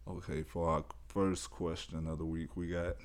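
Deep-voiced man under the weather. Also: flat delivery, moderate pace. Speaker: podcast co-host. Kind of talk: casual podcast banter.

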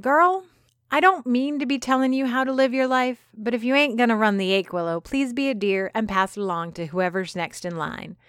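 A woman's voice: a little high, normal speed, a bit bright, smooth, no room sound, studio quality, pitched above the performer's own voice, close to an everyday voice. A woman voicing a knowing, folksy small-town woman who talks in homespun phrases and knowing murmurs, in a storybook reading. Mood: coaxing.

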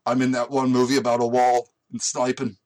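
A man's voice: mid-range voice, completely flat delivery, fairly quick, a little mellow. Joking young man doing goofy impressions. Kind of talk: casual chat with friends.

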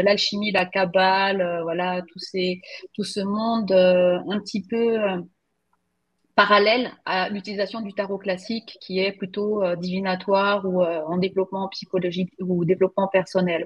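A woman with a French accent hosting a podcast over a video call, chatting with hesitant fillers and frequent laughter. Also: medium pitch. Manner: rambling, hesitant, often laughing. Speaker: podcast host, tarot reader. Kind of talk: casual group chat.

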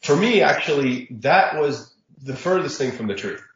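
A man who was born in Saudi Arabia, giving reflective, measured interview answers as a startup founder. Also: fairly high pitch, animated, fairly bright tone. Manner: reflective, measured, sprinkles religious phrases. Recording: roomy, dull lo-fi audio.

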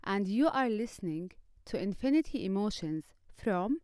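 Woman host, mid-range voice, halting questions with lots of "like". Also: mid-range voice, animated, darkish tone. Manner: halting, many "like" and restarts. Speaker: radio host. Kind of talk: hosting a community radio interview.

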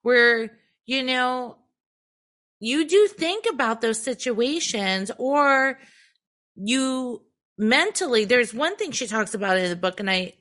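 A woman's voice: fairly high pitch, bright, forceful tone. A woman co-hosting a podcast, talking candidly in casual chat, swearing freely and leaning on fillers like "like" and "um". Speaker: podcast co-host.

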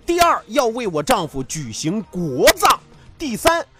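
A man's voice: sits high, huge pitch swings, a little slow, over music, heavily acted. Meng Jiangnu, a man putting her on, wailing wife. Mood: defiant. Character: grieving young wife, scolding and defiant.

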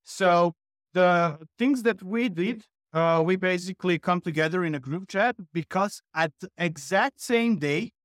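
Male guest, English, fairly high pitch, dry sound, explanatory with frequent fillers. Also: a little slow, fairly bright tone, no echo. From Serbia. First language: Serbian. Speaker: guest YouTuber.

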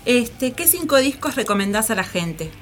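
A woman's voice: on the high side, big pitch swings, normal speed, fairly bright tone. A woman from Argentina hosting a casual radio interview, chatty and emotional as she asks her questions. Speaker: radio host.

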